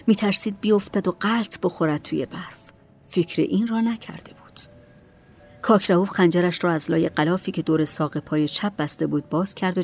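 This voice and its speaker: Casting: calm female storyteller, lowish voice, faint music underneath. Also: husky. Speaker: narrator. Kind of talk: storybook narration.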